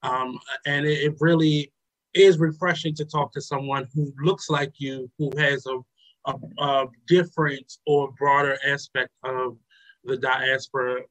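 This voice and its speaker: A man hosting a talk radio show, speaking in a casual, reflective way with many pauses and fillers. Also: medium pitch, steady tone, fairly bright tone, poor audio. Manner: hesitant, many ums and uhs.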